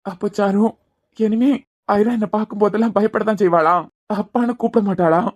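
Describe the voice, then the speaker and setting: A woman's voice: medium pitch, a little fast, darkish tone, close to an everyday voice. A woman voicing a heartbroken pleading father. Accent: Kanyakumari Tamil. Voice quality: pleading, sorrowful, repeating the child's name. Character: grieving young father, a doctor, pleading with his daughter. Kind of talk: cartoon voice acting.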